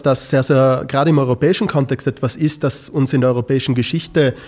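A man's voice: mid-range voice, darkish tone. A man from Tyrol, a teacher answering interview questions thoughtfully and hesitantly, with many filler sounds. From South Tyrol. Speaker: teacher in a school project.

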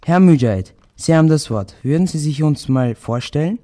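As a student radio host, a sixteen-year-old Viennese boy reads out formal introductions and interview questions. He sounds fairly high and mellow, with lively intonation and a slightly fast pace.

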